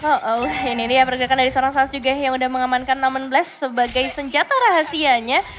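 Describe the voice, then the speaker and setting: A woman's voice: high-pitched, fast, a bit bright. A woman working as an esports caster, giving live commentary on a game.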